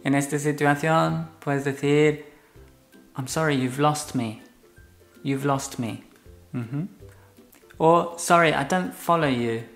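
A man who is a native English speaker, teaching English phrases in Spanish and English with slow, patient explanations. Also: on the high side, vocal fry, faint music behind. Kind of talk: bilingual language lesson.

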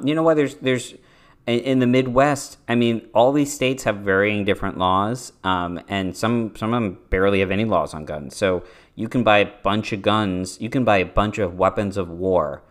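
A man with a very low voice co-hosts a political talk show. He explains the issues in a casual, point-by-point way, with plenty of ums along the way. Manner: explanatory, list-style points with fillers. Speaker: podcast co-host.

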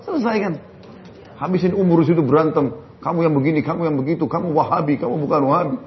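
A man preaching and answering religious questions in a jokey lecture full of rhetorical questions. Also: fairly high pitch. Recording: dull recording, faint crowd and noise.

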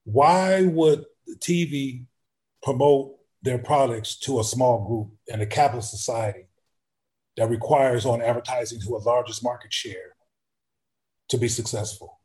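A man's voice: medium pitch, fairly even intonation, normal speed, mellow. A man speaking as an activist guest in a conversational interview, thinking aloud with frequent restarts and acting out the questions he asks.

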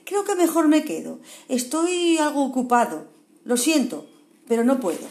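A woman's voice: big pitch swings, moderate pace, darkish tone, reverberant. A woman voicing a timid young male koala who clings to safety and talks in a nervous, fretful way. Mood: hesitant. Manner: nervous, fretful, higher put-on voice.

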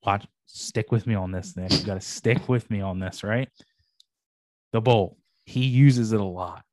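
Reviewing anime on a podcast, this young male co-host chats casually and animatedly, tossing in plenty of slang and casual swearing. He speaks at a measured pace in a fairly low voice, against a noisy background.

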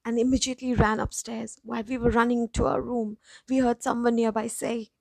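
A woman narrating a first-person story in a steady, even storytelling voice. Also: on the high side, brisk, creaky, dry recording, low-quality recording.

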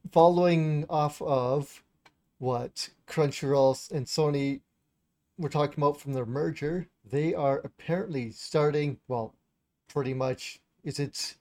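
A man's voice: on the high side, warm tone. A man co-hosting a podcast, casually going over anime news, hesitant and informal, often laughing. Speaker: podcast co-host.

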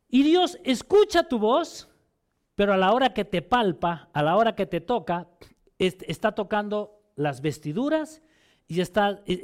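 A man preaching a sermon in a lively, rising and falling voice. He often stumbles over and repeats words as he restarts a phrase. He keeps turning to the listeners with questions. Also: sits high. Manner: asks rhetorical questions to listeners.

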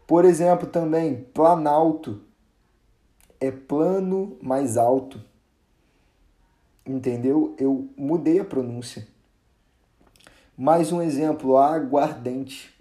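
A man teaching a casual grammar lesson, chatty and relaxed, with many fillers and restarts, drawing out example words for emphasis. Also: medium pitch.

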